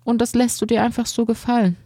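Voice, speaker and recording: A woman's voice: deep voice, normal speed, mellow, no echo, clean studio sound. Herr Koriander, a stern old shopkeeper, read by a woman. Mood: stern, probing. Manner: stern, probing questions. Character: gruff, disapproving old male shopkeeper. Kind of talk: audiobook character voice.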